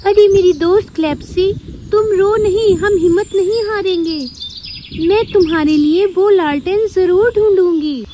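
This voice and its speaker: A kind, brave young princess in a bedtime story who speaks quickly and warmly reassures her friend, as a woman puts her on. The voice is high, with faint outdoor noise behind it. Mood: eager.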